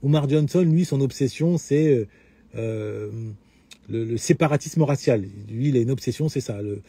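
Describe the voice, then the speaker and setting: This middle-aged host lectures his audience off the cuff during a live Q&A, stumbling and starting over often. The recording is dry, and his medium-pitched, dark voice has a slight roughness at an ordinary speed.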